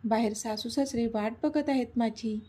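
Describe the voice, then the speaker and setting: A woman's voice: a little high, moderate pace, dark tone, breathy edge. A woman voicing a playful, affectionate young man in a read-aloud story. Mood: soothing. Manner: teasing, easygoing. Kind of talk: storybook reading.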